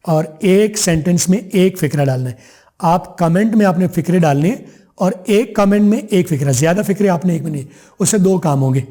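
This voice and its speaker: A high-pitched man with a mellow, soft-edged tone gives an English lesson. He stretches each example phrase out slowly, then hurries through the explanations around it. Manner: slow drawn-out repeated example phrases between brisk explanation. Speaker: English teacher.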